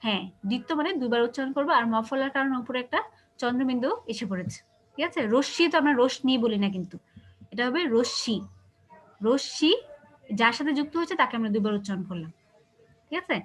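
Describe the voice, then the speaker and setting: A woman's voice: a little high, lively intonation, quick pace. A woman teacher explaining a grammar lesson to her class, patiently asking whether they follow. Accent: Bangladeshi Bengali. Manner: explains patiently, asks checking questions. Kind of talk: online class lecture.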